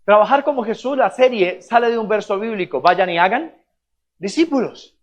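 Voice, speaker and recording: A man with a Colombian accent preaching a lively sermon as pastor, calling out to the congregation and acting out little scenes. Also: high voice, normal speed. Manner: animated, calls out to the congregation, acts out little scenes.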